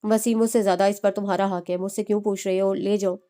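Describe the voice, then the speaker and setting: A woman's voice: mid-range voice, little pitch movement, fast talker, mellow, lightly acted. A woman voicing a strict, insistent middle-aged father who gives orders to his daughter. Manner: stern, scolding.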